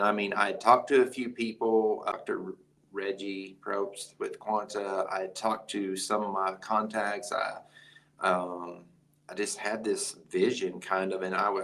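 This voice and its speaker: A man's voice: deep voice, vocal fry, rough recording. A man, a rodeo event producer, telling a story in an interview and acting out the conversations he quotes. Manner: animated, acts out quoted conversations.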